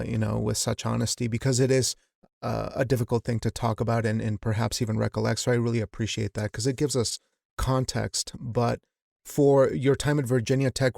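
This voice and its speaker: Man, podcast host, gravelly, dry, measured, restarts with repeated words. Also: medium pitch, a little mellow, no echo. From Wyoming. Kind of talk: interview.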